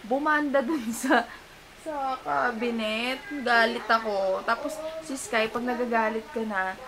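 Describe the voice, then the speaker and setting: A woman's voice: on the high side, unhurried, noisy background. A young woman vlogging as a first-time mother, cooing baby talk to her toddler and then chatting frankly to the camera at home. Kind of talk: casual home vlog chat.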